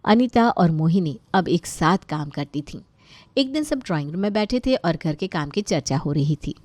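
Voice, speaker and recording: Woman narrator, calm storybook reading, mellow tone, dry close mic. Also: lowish voice, normal speed, no room sound.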